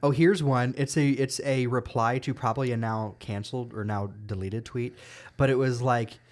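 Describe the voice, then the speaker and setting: A man's voice: mid-range voice, fairly even intonation. Playful young man co-hosting a podcast. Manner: playful, halting, restarts often. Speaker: podcast co-host. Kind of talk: casual chat.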